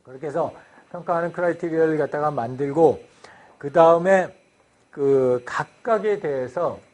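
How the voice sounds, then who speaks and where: A man's voice: fairly high pitch, moderate pace, darkish tone. A man giving a university lecture, explaining a design process step by step, with frequent fillers and English loanwords.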